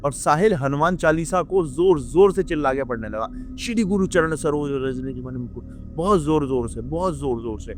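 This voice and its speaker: A young man narrating a horror story in dramatic Hindi, acting out the characters' lines with his voice swinging up and down and sprinkling English words into his speech. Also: a little hiss or hum. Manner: acts out characters' lines with rising and dropping pitch. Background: faint background music.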